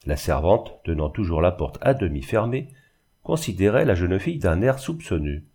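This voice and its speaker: A man reading a classic novel aloud in measured scripted narration. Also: sits low, big pitch swings, mellow, breathy edge. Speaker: audiobook reader.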